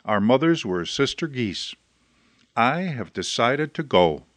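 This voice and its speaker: A man's voice: medium pitch, very animated, slow, a bit bright, dry recording, full character voice. A man voicing a fussy, determined female goose in a read-aloud storybook, with a prim, firm manner. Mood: fond.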